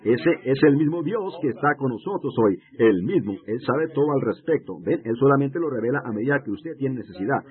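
A man's voice: mid-range voice, lively intonation, fairly quick, few pauses. A man preaching a sermon, emphatic and full of rhetorical questions put to the congregation. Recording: tinny lo-fi phone-like sound.

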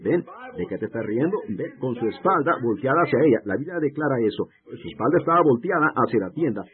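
A man's voice: medium pitch, sing-song, fast talker. A man preaching a sermon, emphatic and full of rhetorical questions put to the congregation. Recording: tinny lo-fi phone-like sound.

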